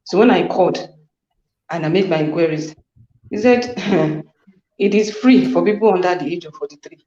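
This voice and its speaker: Woman caller, speakerphone, echoey muffled line, halting hesitant talk, at work. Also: on the low side, mellow. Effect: on speakerphone, echoing.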